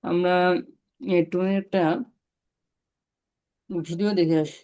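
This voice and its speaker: A woman's voice: lowish voice, steady tone, takes it slowly, warm tone. A woman teaching tones in a one-on-one online lesson over a video call, patiently repeating syllables for her student. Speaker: Chinese language tutor.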